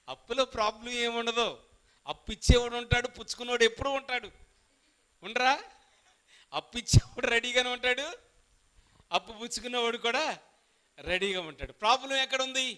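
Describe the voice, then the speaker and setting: Guy preaching a sermon, high bright voice, throws questions at the crowd and answers them, gets loud then drops soft. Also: a little fast, pauses often, clean tone. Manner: calls on the congregation to shout along; asks the listeners questions and answers them himself. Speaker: pastor.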